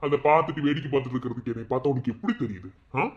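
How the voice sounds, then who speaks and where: A man voicing a bitter, vengeful father in a cartoon, taunting and shouting at his wife. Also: medium pitch, very fast, muffled recording, lightly acted. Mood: furious. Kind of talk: fan cartoon voice acting.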